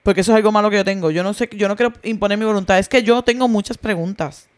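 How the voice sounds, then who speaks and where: A woman's voice: medium pitch, very fast. A woman co-hosting a podcast in casual chat, who talks through examples and questions things. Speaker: podcast co-host.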